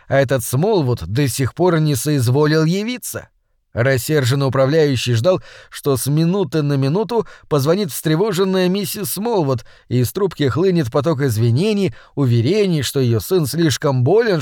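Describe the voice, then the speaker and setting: A man narrating a novel as an audiobook reader in an even storytelling manner. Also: a little high, no room sound. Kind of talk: scripted narration. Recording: dry close studio sound.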